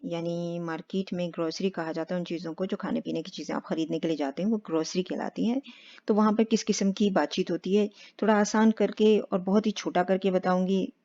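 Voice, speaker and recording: A woman teaching spoken English step by step, patient and slow on the English examples. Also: mid-range voice, warm tone. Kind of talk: explaining spoken English lesson. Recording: dull lo-fi sound.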